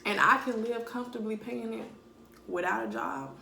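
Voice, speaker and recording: A woman's voice: fairly high pitch, moderate pace, gravelly, sharp tone, echoey room, slight background noise. A young woman talking bluntly and animatedly in slang during a casual eating-video monologue at home. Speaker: vlogger.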